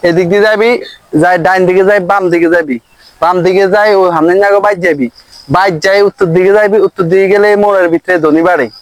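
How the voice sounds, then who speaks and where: Fast, high-voiced village man bragging. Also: fairly even intonation, clear, resonant tone, dry recording, low-quality recording. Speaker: comic actor in a village sketch. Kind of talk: rural comedy sketch dialogue.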